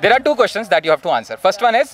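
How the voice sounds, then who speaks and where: A young man from India hosting a playful vox pop on a college campus, asking students quick questions. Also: high voice, huge pitch swings. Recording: music bed under voice. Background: background music.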